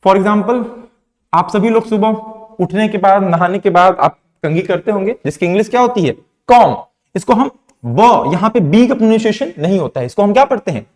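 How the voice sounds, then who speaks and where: A young man from India gives a classroom lesson on pronunciation. His voice sits high and moves a lot as he quizzes his listeners and answers for them. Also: animated, brisk. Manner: asks questions then answers them himself, mixing Hindi and English. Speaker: teacher.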